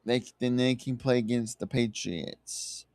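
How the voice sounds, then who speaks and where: A man's voice: mid-range voice, fairly even intonation, unhurried, darkish tone, no room sound. A man with a Southern US accent and drawl, chatting casually as he hosts a sports prediction livestream.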